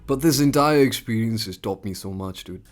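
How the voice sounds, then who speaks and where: A young man hosting a solo podcast, talking candidly and rambling, swinging between loud bursts and murmured asides. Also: on the low side, expressive, normal speed, faint music behind. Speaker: podcast host. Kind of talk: reflective solo podcast monologue.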